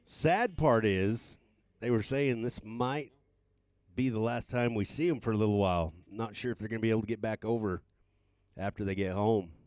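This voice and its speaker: A man co-commentating a live race, adding relaxed, conversational asides and calling times. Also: lowish voice, normal speed, dry recording.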